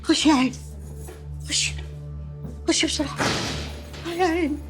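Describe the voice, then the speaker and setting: A woman's voice: high-pitched, fairly even intonation, a little fast, over music, lightly acted. A woman with an Egyptian accent playing a scheming wife who turns into a grieving mother, talking in a frantic, wailing way in a film drama. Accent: Egyptian Arabic.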